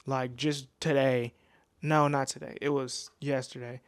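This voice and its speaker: A man's voice: mid-range voice, flat delivery, measured pace, clean tone. A nineteen-year-old man telling a casual storytime into his microphone at home, rambling with lots of restarts and slang. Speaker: vlogger. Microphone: new desk microphone.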